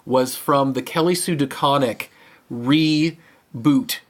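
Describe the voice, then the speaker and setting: A man's voice: mid-range voice, slow. A man co-hosting a movie podcast in casual chat, enthusiastic and rambling with frequent restarts. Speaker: podcast co-host.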